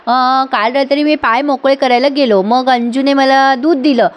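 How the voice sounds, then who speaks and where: A woman's voice: high voice, fairly even intonation, normal speed, natural voice. A woman voicing an irritated husband who bickers with his wife. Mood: bickering. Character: married man, quick-tempered, teasing husband.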